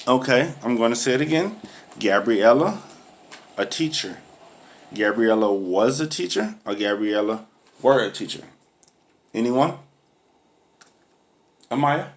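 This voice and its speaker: A woman's voice: a bass voice, expressive, unhurried, long pauses. A woman playing a patient but firm schoolteacher who drills grammar and scolds a pupil for laughing at classmates. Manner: patient, corrective, lecturing on humility. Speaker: teacher. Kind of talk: comedy skit acting.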